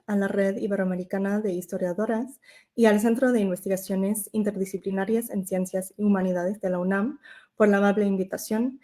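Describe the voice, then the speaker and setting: Reading from a prepared academic lecture she was invited to give, a non-native Spanish-speaking woman proceeds with measured care, occasionally fixing her own wording. She speaks at a medium pitch with a dark tone.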